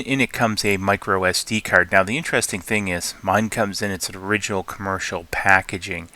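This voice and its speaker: A man hosting his channel, talking through a screen-recorded software tutorial with many fillers and restarts. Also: low-pitched. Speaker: channel host.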